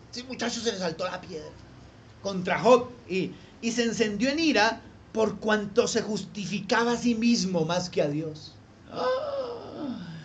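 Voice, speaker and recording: A high-pitched male pastor delivers a sermon to his congregation in a church hall. He keeps asking them rhetorical questions to pull them along. A faint background noise runs beneath his voice.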